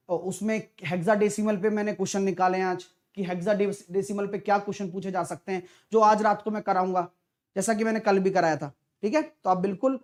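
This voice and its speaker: A man teaches maths in a live online exam-prep class, his voice sitting fairly high. He talks in a chatty, coaxing way. He keeps prodding his students with quick questions as he works through each problem.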